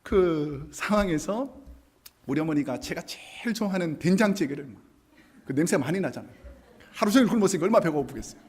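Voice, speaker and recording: A man's voice: on the high side, a little fast, slightly rough. A man preaching a sermon, telling stories with animation and acting out what people said. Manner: animated storytelling, acting out quoted lines. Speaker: pastor.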